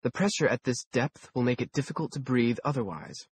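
A man reading an audiobook voices a brisk, bossy adult woman who lectures her young apprentice, raising his voice higher and louder for her. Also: very animated, breathy edge, dry recording, heavily acted. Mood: stern. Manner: curt, lecturing, commanding.

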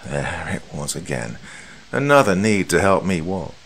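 A man reading a horror story aloud as a podcast host, dramatic and measured. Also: deep voice, sing-song, vocal fry, a bit bright, poor audio.

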